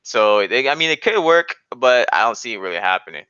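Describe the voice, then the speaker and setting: A young man with a bright, crisp, medium-pitched voice banters casually and a little fast, using lots of slang and big pitch swings. He's boastful and ready to argue his point. The recording is close and dry with no room sound, but a bit dull and lo-fi.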